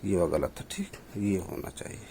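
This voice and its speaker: A man's voice: low-pitched, big pitch swings, normal speed, warm tone, slightly rough. A male teacher going through exam questions on correct usage, explaining each answer step by step. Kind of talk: exam prep lesson.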